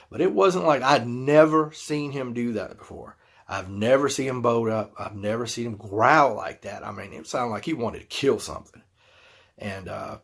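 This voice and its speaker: A man's voice: on the low side, vocal fry, husky. A man telling a personal story to camera in a folksy, rambling way, acting out his own reactions. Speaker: YouTube channel host.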